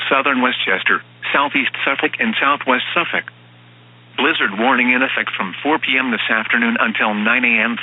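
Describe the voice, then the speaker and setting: A synthetic male voice, medium-pitched and slightly rough, serves as an automated announcer reading formal emergency weather bulletins in a flat, stilted manner. It has the lo-fi, dull, band-limited sound of a weather radio broadcast.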